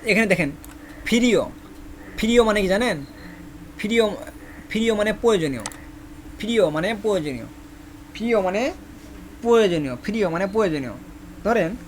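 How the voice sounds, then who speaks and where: A man's voice: sits high, slight background noise. A man from Bangladesh, teaching a Korean vocabulary class and repeating each word over and over while quizzing his students. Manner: repeats each word many times, asks the class questions. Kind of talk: classroom lesson with memory tricks.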